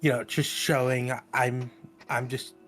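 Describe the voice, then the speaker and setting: A man's voice: medium pitch, level tone, a little slow, fairly bright tone, soft background music. A man, a player in a tabletop game, chatting casually and joking with some hesitation.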